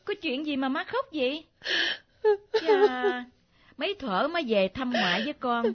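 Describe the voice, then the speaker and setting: A young daughter speaks through tears in a high voice. The radio drama sound is muffled. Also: female voice, lively intonation, a little slow. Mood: puzzled. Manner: tearful, pleading. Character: young woman, grieving daughter.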